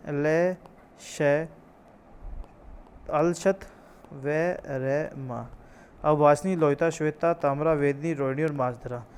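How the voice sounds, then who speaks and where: A man's voice: fairly high pitch, a little mellow, a little hiss or hum. A man teaching an ayurveda exam lesson, repeating key terms, drilling memory tricks and asking and answering his own questions. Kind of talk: classroom-style lecture with memory tricks.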